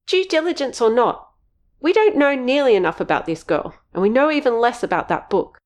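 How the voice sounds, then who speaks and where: A woman's voice: animated, fairly quick, smooth. A woman reading an audiobook, voicing a stern, suspicious middle-aged mother who speaks in an accusing tone. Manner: accusing, high-pitched and loud.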